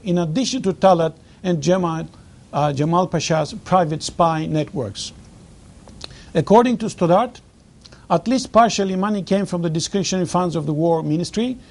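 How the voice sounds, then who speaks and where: High, gravelly-voiced man lecturing. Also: darkish tone. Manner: halting, many fillers and restarts; earnest, stresses key words. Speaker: conference speaker. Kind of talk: historical lecture.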